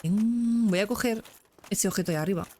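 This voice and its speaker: Excitable young Spanish woman streaming. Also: mid-range voice, normal speed. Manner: chatty and excitable, breaks into squeals. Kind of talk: casual gameplay commentary.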